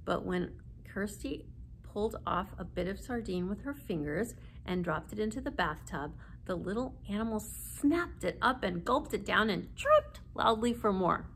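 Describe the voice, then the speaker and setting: In a small indoor room, seated a short way from the camera, a library story reader in her forties narrates a children's book aloud. Her expressive mid-range voice is creaky and a bit bright at normal speed, and the rough recording has faint background noise.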